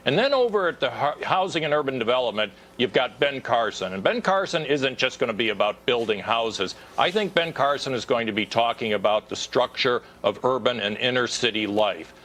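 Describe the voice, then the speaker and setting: A man's voice: mid-range voice, lively intonation, fairly quick, few pauses, a bit bright. A man giving political commentary as a news panelist.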